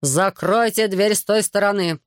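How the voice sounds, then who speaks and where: A man voicing a gruff, suspicious middle-aged army major who talks bluntly. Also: sits high, steady tone, normal speed, a bit bright, dry recording, studio quality. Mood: angry.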